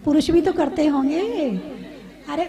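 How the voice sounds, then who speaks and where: High-voiced woman preaching a sermon. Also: unhurried, crowd noise. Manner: repetitive, asks the audience questions. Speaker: Jain preacher. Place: live gathering with seated audience.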